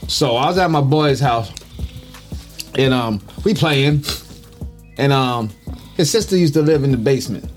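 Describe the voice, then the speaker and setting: A man's voice: medium pitch, expressive, a little slow, long pauses, faint music behind. A man telling casual, profane anecdotes in a loose, rambling way as a podcast co-host. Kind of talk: casual storytelling chat.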